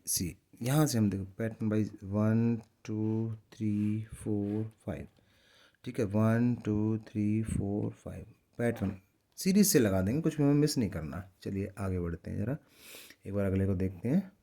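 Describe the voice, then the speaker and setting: Male teacher, warm and mellow, patient and repetitive, reads verse slowly. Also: lowish voice. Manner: patient, repetitive, step-by-step explaining; reads English poem lines slowly and drawn-out. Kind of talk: explaining a lesson in Hindi.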